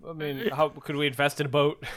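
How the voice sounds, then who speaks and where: A man's voice: a little high, a little fast. A man playing a tabletop game with jokey, casual improvised banter. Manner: jokey, animated.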